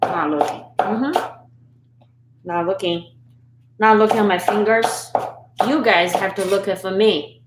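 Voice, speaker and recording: Unhurried and pausing often, a medium-pitched woman hosts a cooking live stream in her home kitchen, chatting and laughing with viewers while she chops. She comes from Sichuan, China, and Chinese is her first language. Her camera and phone setup yields a reverberant, very noisy recording.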